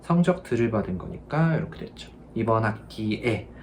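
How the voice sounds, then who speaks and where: A man's voice: fairly low pitch, sing-song, darkish tone, slight background noise. Patient male language teacher. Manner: explains patiently, drills verb forms by repeating them slowly. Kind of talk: online grammar lesson.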